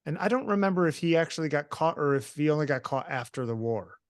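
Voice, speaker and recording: A man talking as a guest in a conversation, relaxed and matter-of-fact, pushing back on the questions. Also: a little high, fast talker, no room sound, studio quality. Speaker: guest photographer. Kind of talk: conversational discussion.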